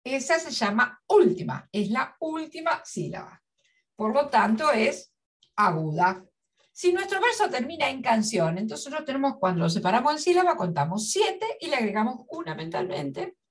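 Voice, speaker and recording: A woman teacher giving a literature lesson, slowly spelling out syllables and repeating her examples. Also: sits high, big pitch swings, far from the mic. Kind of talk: classroom lesson.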